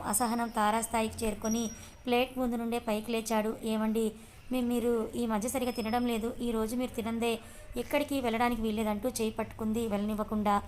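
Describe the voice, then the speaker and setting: A woman reading a story aloud as its narrator, in a steady, measured way. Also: fairly high pitch, slight background noise, low-quality recording. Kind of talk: scripted narration.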